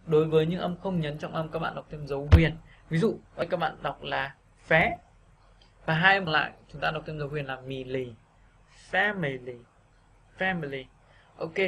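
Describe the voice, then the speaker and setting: A man teaching a video lesson on English pronunciation, patiently repeating words slowly for practice. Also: a little high, creaky, fairly bright tone, a little hiss or hum.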